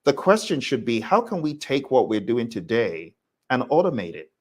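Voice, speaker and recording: Here the same man teaching the live online class sounds very animated, his pitch medium and his speed normal. He hosts the session with audience questions, addressing people directly in an emphatic, conversational style.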